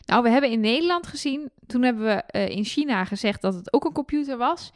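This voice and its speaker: A woman from Twente, chatting as a podcast co-host and quick to agree. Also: fairly high pitch, animated, no room sound, clean studio sound. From Twente, Netherlands. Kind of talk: casual chat.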